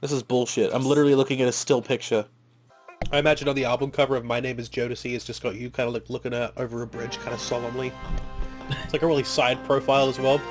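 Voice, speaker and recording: A man's voice: mid-range voice, flat delivery, fast talker, faint music behind. A man co-hosting a gaming podcast, teasing and swearing his way through casual chat. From Australia. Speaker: podcast co-host.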